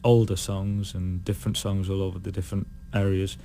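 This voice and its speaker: A British man with a low, gravelly voice talks through his ideas in a relaxed interview. He speaks thoughtfully and stumbles over his words, restarting his sentences often. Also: a little hiss or hum. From United Kingdom. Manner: thoughtful, halting with many restarts. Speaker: guest singer. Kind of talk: casual interview chat.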